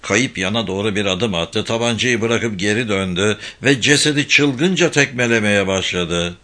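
Bright-voiced male audiobook narrator. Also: fairly low pitch, moderate pace. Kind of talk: scripted narration.

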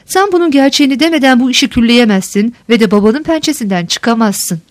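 A woman's voice: fairly high pitch, animated, fairly quick, no room sound, studio quality, natural voice. Woman reading as a shrewd, probing young woman. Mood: insistent. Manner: probing, insistent.

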